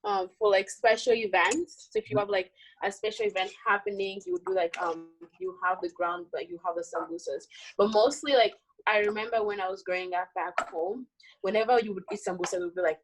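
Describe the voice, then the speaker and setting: A woman's voice: lowish voice, steady tone, fairly quick, slight background noise, rough recording. A young woman from the Congo, a university student, chatting casually as she demonstrates a recipe, with many "like" and "um" fillers. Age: young adult. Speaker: cooking guest.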